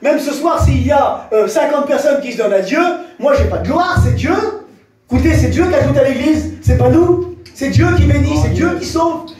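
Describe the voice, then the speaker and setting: A man preaching a fervent sermon to a congregation, speaking directly to them and rising into shouts. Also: very high-pitched, normal speed, faint music behind. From France. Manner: impassioned, rises to shouts, addresses the crowd directly. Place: church. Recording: very echoey church hall, heard from a distance.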